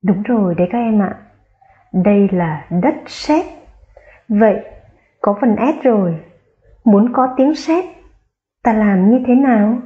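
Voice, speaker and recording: A woman teaches young children, speaking very slowly and clearly as she spells out each sound. Her voice lifts on the words she wants them to repeat. The recording sounds a little dull and muffled. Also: expressive. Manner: slow and drawn out, spelling sounds aloud and rising high on key words. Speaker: primary school teacher. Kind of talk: slow, careful online phonics lesson for young children.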